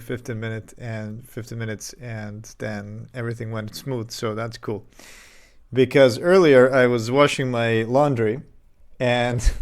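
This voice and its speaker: Slow-talking Serbian man streaming. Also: medium pitch. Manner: halting, many fillers and restarts. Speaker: game dev streamer. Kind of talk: casual live-stream chat. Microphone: desk microphone.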